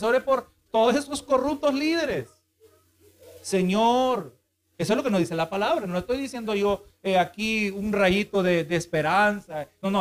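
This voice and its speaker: A man preaching a sermon in a fairly high voice. He reads scripture and explains it as he goes. He keeps checking in with the congregation through short asides. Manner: preaching with frequent "amén" and "¿verdad?" asides. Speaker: pastor.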